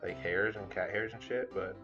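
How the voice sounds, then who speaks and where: A man's voice: on the low side, fairly even intonation, moderate pace, lo-fi sound, music in the background. A man vlogging casually at home, rambling and swearing while he talks to viewers as he works with food. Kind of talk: casual vlog commentary while cooking. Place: home room with cat hair around.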